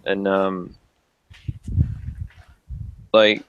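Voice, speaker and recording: A man's voice: sits low, level tone, very slow, fairly bright tone, clean tone. A man chatting casually in sweary, laid-back slang. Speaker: livestream co-host. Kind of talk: casual chat. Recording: muffled lo-fi mic, roomy echo.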